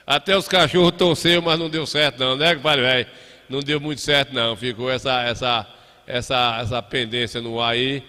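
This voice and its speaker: A man's voice: mid-range voice, fairly even intonation, normal speed, bright, forceful tone. A middle-aged man hosting a live show in a folksy, chatty way, calling his listeners compadre. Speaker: radio host. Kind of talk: casual live chat. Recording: echoey hall.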